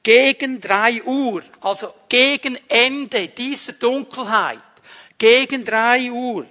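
Male preacher, very high voice, emphatic and rising in force through repetition. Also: slow pace. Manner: emphatic, building to loud repeated phrases. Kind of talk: sermon.

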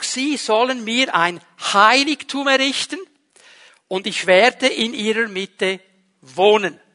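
A man preaching a sermon to his congregation in a lively, conversational way, asking rhetorical questions. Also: high voice. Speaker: pastor. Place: church hall with a congregation.

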